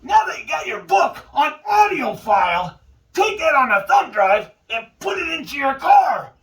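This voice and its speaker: In an upbeat how-to lesson, an instructor with an extremely high, bright male voice swings widely in pitch and goes goofy with exaggerated exclamations and asides. He sounds very animated but speaks a little slowly, picked up by a distant mic.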